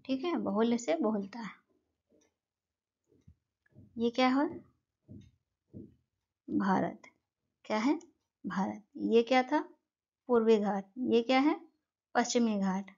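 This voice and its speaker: A woman's voice: fairly high pitch, slow, gravelly, long pauses, darkish tone, lo-fi sound. A woman teaching an exam-prep lesson, who keeps asking questions and answering them herself.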